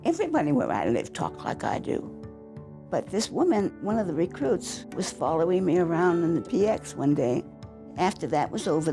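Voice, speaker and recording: A woman in her nineties with a New England accent reminisces about her own life in an interview, a veteran interviewee telling chatty stories peppered with asides. Her voice is low-pitched with vocal fry.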